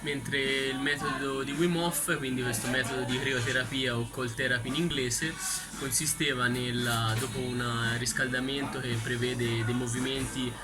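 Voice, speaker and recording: Man explaining over loud music. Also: medium pitch, steady tone, normal speed. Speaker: vlog co-presenter. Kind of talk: informal explanation to camera.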